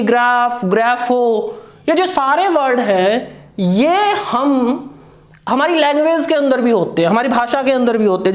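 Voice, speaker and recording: A woman's voice: high-pitched, reverberant. A woman teaching an online lesson, who asks questions and answers them herself and repeats key points. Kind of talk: online lecture.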